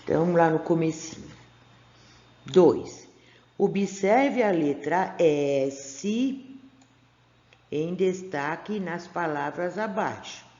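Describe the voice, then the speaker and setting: Professora paciente com sotaque brasileiro. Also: female voice, fairly low pitch, slow, long pauses, mellow, echoey room, highs cut off. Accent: Brazilian Portuguese. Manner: patient, stretches out syllables, asks the class questions. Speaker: primary school teacher. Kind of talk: recorded remote class for first graders. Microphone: camera pointed at a workbook.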